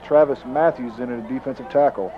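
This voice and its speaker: A man's voice: mid-range voice, quick pace. A man with a Texan accent giving chatty, analytical football color commentary. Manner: chatty, analytical, breaks down the blocks. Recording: dull lo-fi 1990s broadcast tape.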